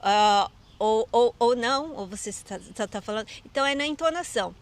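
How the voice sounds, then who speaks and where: A woman's voice: on the high side, lively intonation, fairly quick. A woman from Brazil with a Brazilian Portuguese accent, hosting a casual chat and quizzing her guest. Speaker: host.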